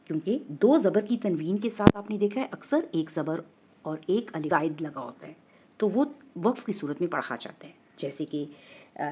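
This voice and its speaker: A woman's voice: lowish voice, darkish tone, breathy edge, dull audio. A woman with a Pakistani Urdu accent teaching Quran recitation rules step by step, patiently explaining each rule and drawing out the recited Arabic words.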